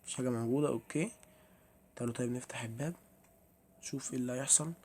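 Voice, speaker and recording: Fast-talking Egyptian man playing a horror game. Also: medium pitch, darkish tone, a little hiss or hum. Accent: Egyptian Arabic. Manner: chatty, addresses viewers, easily startled. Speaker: gameplay streamer. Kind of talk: horror game let's play commentary.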